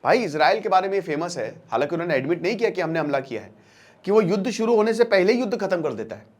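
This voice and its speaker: His voice sits high and a little mellow, moving quickly with big pitch swings. This man, a current affairs educator and channel presenter, tells stories in an informal explainer lecture, acting out dialogue, speaking colloquially to listeners, and repeating phrases for emphasis.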